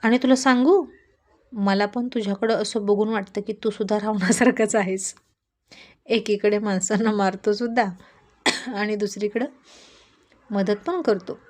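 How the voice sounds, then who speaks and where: A woman's voice: medium pitch, steady tone, a little slow, long pauses, a little mellow, close to an everyday voice. Woman voicing a young village woman, teasing, chatty, bold, storybook. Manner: bold, playful and talkative.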